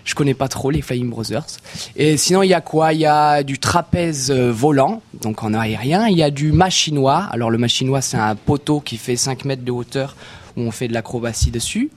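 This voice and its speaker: A young man with a southern French accent, a circus performer talking casually in a radio interview, relaxed and halting with many fillers and restarts. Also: mid-range voice. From southern France.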